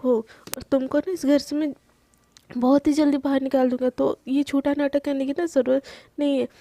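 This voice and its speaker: A woman's voice: high-pitched, little pitch movement, moderate pace, warm tone, no room sound. A woman voicing a sullen disguised young woman. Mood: stern, sullen. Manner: curt, stern retorts. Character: sullen young woman posing as a husband, guarded and proud.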